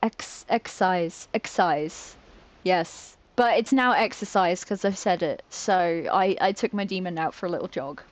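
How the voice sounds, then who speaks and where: A woman's voice: lowish voice, moderate pace, few pauses, poor audio. A British woman streaming a game, chatting casually, giggling and poking fun at herself as she trips over words. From Britain. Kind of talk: casual live-stream chat while playing.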